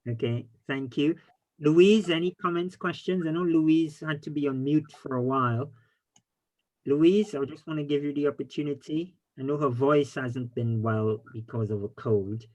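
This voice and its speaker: A man's voice: a little high, moderate pace, a little mellow, low-quality recording. A middle-aged man chairing an online meeting informally over a video call.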